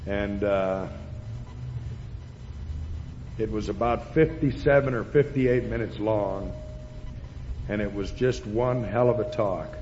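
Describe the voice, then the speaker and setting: A man addresses a meeting informally as he introduces a guest speaker. His phrasing is halting and deliberate. The recording is dull and reverberant, with faint noise behind him. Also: on the low side, dark tone. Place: large meeting hall. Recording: echoey hall, dull noisy old tape.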